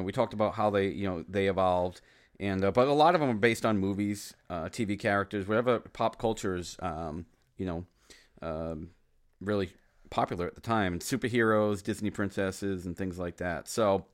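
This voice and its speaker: A man's voice: on the low side, normal speed. A middle-aged man hosting a podcast, chatting casually and teasing his child in a rambling, fatherly way. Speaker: podcast host.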